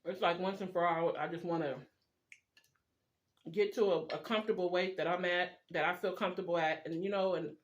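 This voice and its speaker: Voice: mid-range voice, steady tone, brisk, dull audio. A vlogger chatting informally and confidingly to viewers while eating, rambling along and talking with food in the mouth. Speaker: video blogger. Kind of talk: casual chat while eating, mukbang style.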